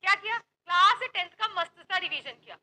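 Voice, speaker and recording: A woman's voice: extremely high pitch, a little fast, pushed and bright, rough recording. A young woman from Uttar Pradesh with an Uttar Pradesh accent, teaching a maths class online in a chatty, playful, teasing way. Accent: Uttar Pradesh Hindi. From Uttar Pradesh, India. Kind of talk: lively online class, Hindi-English mix.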